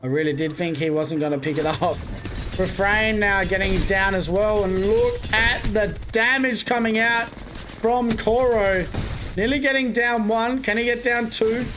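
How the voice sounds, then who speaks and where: A man's voice: high-pitched, noisy background. A young man doing casual live play-by-play commentary on an esports match. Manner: quick, running play-by-play with casual asides. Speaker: esports caster.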